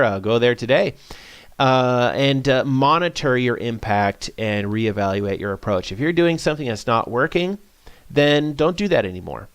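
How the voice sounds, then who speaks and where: A man talks through an online presentation in an easygoing, off-the-cuff way, pausing on fillers and correcting himself as he goes. His voice is clean and resonant at an ordinary pitch. The sound is dry and close, with no room around it. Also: clear, resonant tone, no echo. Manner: conversational, many "uh" fillers and self-corrections. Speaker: webinar presenter on science communication. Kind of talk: informal webinar talk.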